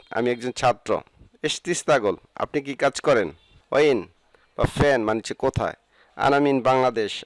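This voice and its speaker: A man teaching a language lesson, saying each phrase slowly and then explaining what it means. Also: medium pitch, clear, resonant tone, no room sound. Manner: says each Arabic phrase slowly, then gives its meaning.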